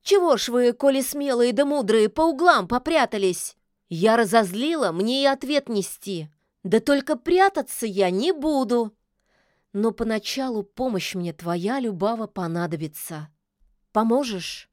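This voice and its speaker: A woman voicing a stubborn, sharp-tongued fairy-tale witch who snaps back defiantly. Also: a little high, animated, measured pace, no echo, clean studio sound, pitched above the performer's own voice. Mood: scolding. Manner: snappy, defiant. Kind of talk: audiobook character voice.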